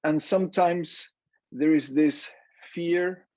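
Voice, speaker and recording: A Peruvian man in his forties, a native Spanish speaker with a Peruvian accent, gives an earnest, reflective panel talk full of fillers and restarts. His voice is fairly high and slow with a darkish tone, recorded dry with the highs cut off.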